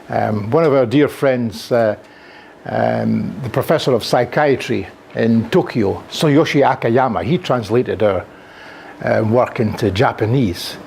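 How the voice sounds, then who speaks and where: Filmed from the back of a projector-equipped classroom, this conference lecture comes from an older man from Scotland with a Scottish accent and a gravelly mid-range voice. He speaks animatedly, gesturing as he goes and leaning on lots of fillers, and there is slight background noise.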